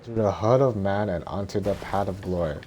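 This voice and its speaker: Boastful little male dragon guardian read by a man, lowish voice, bossy and blustering, cartoon sidekick, noisy recording. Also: a little fast, mellow, natural voice. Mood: urgent, bossy. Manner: blustering, stumbling script reading. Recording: noticeable background noise.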